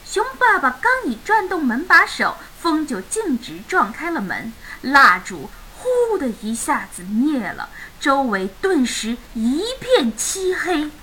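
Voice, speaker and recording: A woman reading a children's picture book aloud in an expressive, animated storytelling way. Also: sits high, measured pace, few pauses, a little hiss or hum, poor audio.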